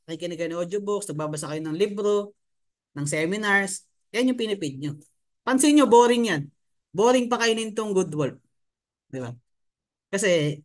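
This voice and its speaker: A man with a high voice gives a motivational seminar talk. He speaks conversationally and keeps turning to the audience with questions. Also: fairly bright tone.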